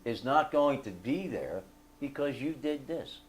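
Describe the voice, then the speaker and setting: A man leading a fellowship group, telling a story in a casual, animated way and asking the listeners for agreement. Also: medium pitch, measured pace.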